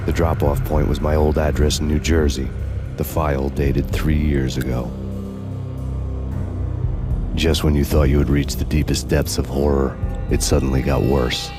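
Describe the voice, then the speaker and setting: Game noir detective: rock-bottom register, flat world-weary delivery, brooding and vengeful, loud score underneath. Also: male voice, rumbling low. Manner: deadpan, world-weary, grim. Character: brooding, haunted, vengeful noir detective narrating his case. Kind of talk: hard-boiled noir scripted narration.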